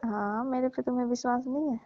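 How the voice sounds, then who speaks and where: In a staged comic phone call, a woman lightly acts the part of a middle-aged auntie who coaxes, teases, persuades and placates. Her voice is fairly high, steady, quick and warm, and the recording is a dull, dry lo-fi phone capture with no echo.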